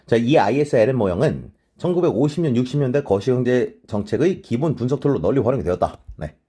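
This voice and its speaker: A man teaching an exam-prep lecture, talking casually and checking in with his students all the time with quick tag questions. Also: mid-range voice, animated, warm tone, husky. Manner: mixes polite and plain speech; many short filler replies to himself.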